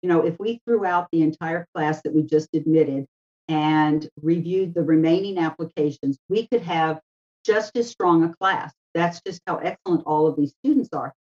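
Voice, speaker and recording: Lower-pitched woman guest, slightly muffled. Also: normal speed, a little mellow. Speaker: interview guest, education adviser. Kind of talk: conversational, anecdotal interview talk. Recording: slightly dull, lo-fi sound.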